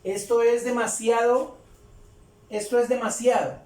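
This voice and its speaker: A man teaching English grammar step by step, repeating each example sentence slowly and patiently. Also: very high voice, little pitch movement, a little mellow. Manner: slow, repetitive, explains each example twice. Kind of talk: step-by-step tutorial. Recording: roomy, distant mic with faint ambience.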